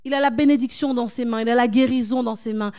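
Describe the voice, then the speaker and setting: A woman's voice: fairly high pitch, fairly even intonation, quick pace, mellow. A woman speaking as a coach at a church conference, urging her listeners on with repeated phrases and questions to the audience. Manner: exhortative, repetitive emphasis.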